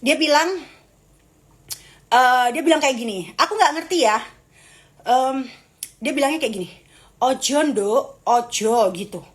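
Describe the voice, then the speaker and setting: A woman's voice: high voice, lively intonation, normal speed, long pauses. A young woman, streaming live and reading comments, in a dramatic, playful, teasing way.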